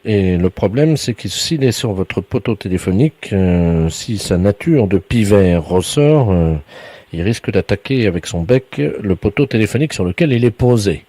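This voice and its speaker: Guy on a prank call acting all official and earnest, low dark husky voice. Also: lively intonation, normal speed, no echo. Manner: poses as an official, earnest and coaxing. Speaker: prank caller. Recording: phone line.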